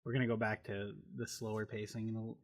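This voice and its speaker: A man's voice: fairly low pitch, flat delivery, fast talker. A man co-hosting a podcast in casual chat, with dry, teasing banter. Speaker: podcast co-host.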